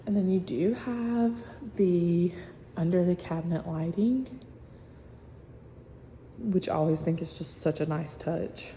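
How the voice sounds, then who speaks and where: With a dark, lowish voice, a woman estate agent tours a new house room by room, chatty yet matter-of-fact, speaking at a measured pace with frequent pauses. The empty rooms are echoey, with long reverb and a faint hum.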